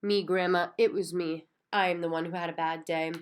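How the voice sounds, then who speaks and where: A woman voicing an excitable, bossy little girl who talks eagerly and repeats herself. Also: on the low side, moderate pace, clean tone, close to an everyday voice. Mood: glum.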